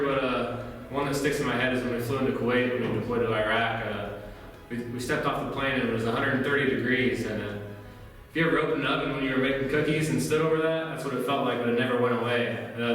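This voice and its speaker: Fast-talking man in an echoey hall. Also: medium pitch, fairly bright tone. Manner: casual, plain-spoken. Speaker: veteran. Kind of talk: interview anecdote. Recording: echoey hall, distant mic.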